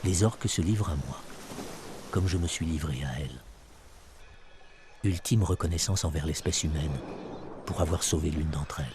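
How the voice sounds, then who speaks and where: A man's voice: a bass voice, normal speed, long pauses, noisy background. A man reading scripted nature documentary narration in the first person, with solemn, reverent, poetic phrasing. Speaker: diver and wildlife filmmaker narrating his encounters. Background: music.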